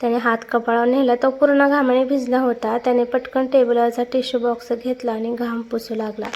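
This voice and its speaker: A woman narrates an emotional family story in a steady, feeling read. Her voice sits fairly high. The tone suits a storybook drama.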